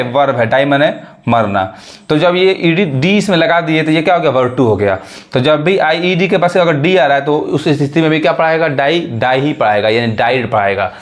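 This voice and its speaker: A man teaching a language lesson. He explains the rules step by step, keeps asking whether the viewers understand, and says each example word slowly and low. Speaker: English teacher.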